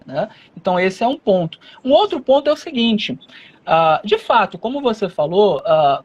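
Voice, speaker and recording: A man from Rio de Janeiro state with a Rio Brazilian accent, answering as an interview guest in a measured, explanatory way with frequent fillers. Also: sits high, lo-fi sound. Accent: Rio de Janeiro Brazilian Portuguese.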